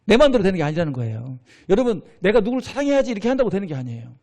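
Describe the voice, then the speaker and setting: A middle-aged male pastor with a high voice preaches very fast in a church sanctuary. His delivery is animated, and he poses questions to the congregation, then answers them himself in call-and-response style.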